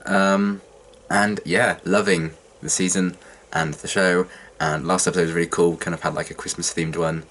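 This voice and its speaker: Deep-voiced young guy doing a reaction vlog, sick with a cold, kinda hungover and raspy. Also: level tone, moderate pace, few pauses, a bit bright. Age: young adult. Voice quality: husky, congested. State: ill with a cold, sore throat and cough, sounding rough and worn out. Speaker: reaction vlogger. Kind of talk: casual chat to viewers.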